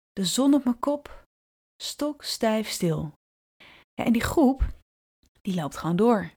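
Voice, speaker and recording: A woman podcast host telling a personal story in an intimate, vivid way, slowing and drawing out her phrases and dropping into soft asides. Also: on the high side. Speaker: podcast host and brand strategist.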